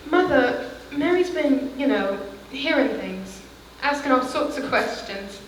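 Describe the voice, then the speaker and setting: Brief: woman as young Yorkshire maid, high and brisk, echoey theater from afar. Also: expressive, a little hiss or hum. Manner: brisk, down-to-earth dialect. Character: cheerful young Yorkshire housemaid. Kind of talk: live stage acting. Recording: echoey theater, mic far off.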